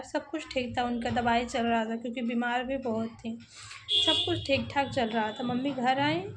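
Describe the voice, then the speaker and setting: Young woman, own voice, slightly high and monotone; halting, emotional personal storytelling; faint ambient noise. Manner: halting, emotional telling with many restarts and repeats. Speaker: vlogger telling her life story.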